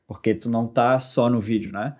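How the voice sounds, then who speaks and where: A man speaking as a podcast guest about sales, talking in a relaxed, meandering way. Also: medium pitch, normal speed. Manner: relaxed, meandering, with restarts and fillers. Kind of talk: casual conversational chat.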